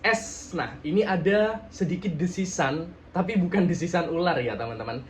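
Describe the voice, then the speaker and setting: Young man demonstrating articulation, slightly high voice. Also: animated, slight background noise. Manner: drawn-out demonstration sounds, joking asides. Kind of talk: casual tutorial.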